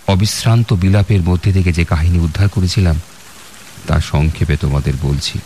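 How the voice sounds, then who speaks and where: A man's voice: deep voice, darkish tone, a little hiss or hum. An actor playing a man recounting his own eerie tale, with suspenseful, dramatic radio narration. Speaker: storyteller narrator. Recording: background music under narration.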